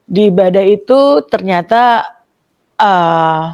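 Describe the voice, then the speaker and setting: A woman's voice: medium pitch, takes it slowly, darkish tone, clear, resonant tone, muffled recording. A young woman giving an emotional personal testimony, telling her story with animation and acting out what other people said. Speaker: guest giving a conversion testimony.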